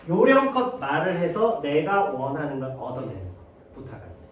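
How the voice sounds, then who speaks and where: Animated man teaching in an echoey room. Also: a little high, normal speed. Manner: lively, acts out student dialogues. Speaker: Korean literature teacher. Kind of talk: exam-prep lecture. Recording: echoey room, mic at a distance, faint hiss.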